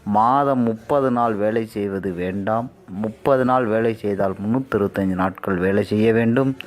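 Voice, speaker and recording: A man's voice: fairly low pitch, moderate pace. A man giving formal political oratory to the public, declaiming phrase by phrase. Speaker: political speaker.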